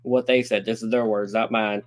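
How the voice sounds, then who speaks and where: A man co-hosting a sports podcast, talking in a steady, organized way as he leads the segments. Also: fairly low pitch, moderate pace. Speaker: podcast co-host. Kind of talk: casual sports talk.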